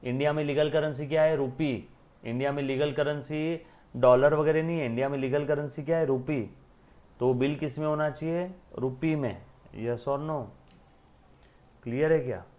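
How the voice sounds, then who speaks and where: A man's voice: a little high, fairly even intonation, normal speed, darkish tone. Man teaching class, asks and answers. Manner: repeats questions and answers them himself, calls students beta. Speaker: accounting teacher. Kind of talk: classroom lecture.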